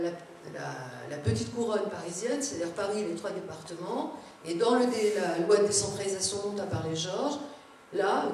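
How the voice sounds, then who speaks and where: A local government adviser speaking at a conference, this woman has a warm, medium-pitched voice as she lectures publicly to elected officials, explaining with informal asides. The large indoor seminar room is very echoey, the mic is distant, and there's background noise.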